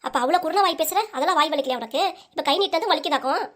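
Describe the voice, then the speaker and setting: A woman's voice: sits high, very fast, very noisy, natural voice. A woman voicing a short-tempered young mother who nags and scolds, with a southern Tamil accent. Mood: scolding. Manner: nagging, scolding.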